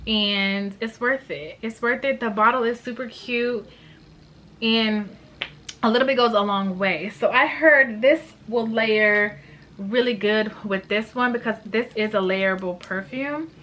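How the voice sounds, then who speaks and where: Late 20s woman gushing bout perfumes, bright voice, little bit of hiss behind. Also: on the high side, unhurried. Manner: chatty, gushing, slangy. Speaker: beauty vlogger. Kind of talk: casual perfume review vlog.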